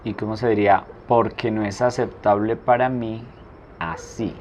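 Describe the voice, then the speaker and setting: A man teaching a language lesson, asking a prompt and then saying each answer slowly twice. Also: lowish voice, steady tone, darkish tone. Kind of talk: slow spoken drill lesson. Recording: dull lo-fi recording with faint noise.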